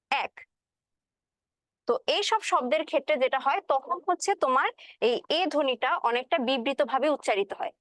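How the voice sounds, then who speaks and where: A woman's voice: sits high, no room sound, studio quality. A woman teacher giving a classroom lecture, explaining step by step and often checking that students follow, with English words mixed into her speech.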